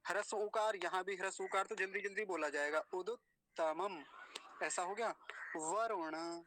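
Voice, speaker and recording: A man teaching mantra pronunciation in an online class, repeating each word slowly, syllable by syllable, and chanting the full verse. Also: sits high, bright, forceful tone. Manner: slow syllable-by-syllable chanting and repetition. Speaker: Sanskrit recitation teacher. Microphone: video call.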